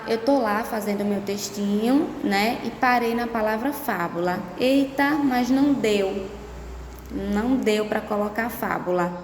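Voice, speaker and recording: A woman teacher explaining a lesson to young children, slow and patient, checking understanding with little tag questions all the time. Her voice rings in a bare room with a long reverb tail, and a faint hum of ambience sits under it. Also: medium pitch. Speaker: primary school teacher. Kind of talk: remote lesson to young pupils.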